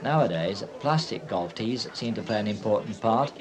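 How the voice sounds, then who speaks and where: A man reading scripted documentary narration in a measured, informative way. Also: fairly low pitch, animated, crowd noise. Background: music.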